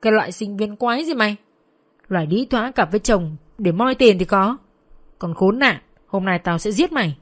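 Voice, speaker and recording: A woman voices a jealous young woman in a narrated audio story, screaming vicious insults during a brawl. Her voice is mid-range, a little fast, and lightly acted.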